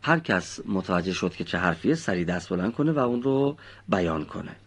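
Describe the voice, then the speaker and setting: A man's voice: deep voice, animated, husky. A man teaching children how to pronounce Quran recitation letters. He explains patiently and precisely and praises his students often.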